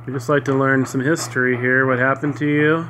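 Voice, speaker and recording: A man's voice: mid-range voice, flat delivery, a little fast, sharp tone. A man casually putting short, polite questions to unseen spirits, as the host of a ghost hunt. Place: hotel room. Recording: noisy amateur recording with static hiss.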